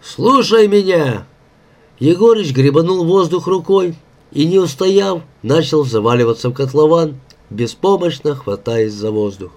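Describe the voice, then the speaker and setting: A man narrating an audiobook in a measured, expressive reading. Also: fairly high pitch. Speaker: audiobook reader.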